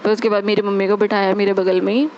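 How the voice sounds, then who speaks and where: A young woman telling a heartfelt spiritual testimony, earnest and repetitive, with many pauses and fillers. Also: medium pitch, flat delivery, slight background noise. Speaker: devotee sharing a testimony. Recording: dull lo-fi recording.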